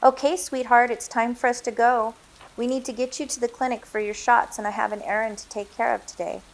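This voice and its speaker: Woman reading as a gentle young mother. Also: fairly high pitch, fairly even intonation, fairly quick, vocal fry, pitched above the performer's own voice, low-quality recording.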